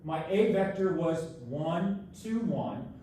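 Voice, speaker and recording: A man's voice: fairly high pitch, animated, slow, warm tone. A man teaching a live online math class. He repeats each instruction and sounds like he is in an echoing tunnel because he is far from the camera mic. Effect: echoing tunnel-like sound from a distant camera mic. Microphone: built-in camera microphone across the room. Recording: very echoey room, far from mic, faint noise.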